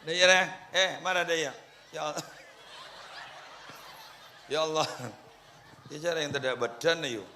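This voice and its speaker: A man's voice: a little high, takes it slowly, long pauses, bright, forceful tone, a little hiss or hum. A man giving a humorous religious lecture, joking with his listeners and leading prayers aloud. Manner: jokes with the crowd and leads prayers aloud. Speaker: preacher.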